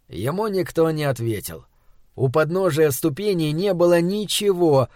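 A man reading a fantasy audiobook in a measured storytelling manner. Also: on the high side, darkish tone, no echo, studio quality. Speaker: audiobook narrator. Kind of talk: scripted narration.

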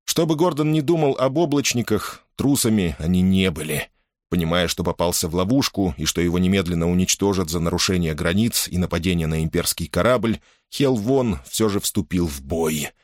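A very deep-voiced male audiobook narrator delivers scripted narration of a science fiction novel in a steady, measured storytelling style. The studio sound is clean, with no room sound.

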